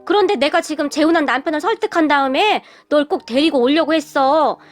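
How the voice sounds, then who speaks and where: A woman voicing a pleading, remorseful middle-aged mother in a radio story, talking slowly and begging. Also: high voice, faint music behind, close to an everyday voice. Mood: slow, wheedling.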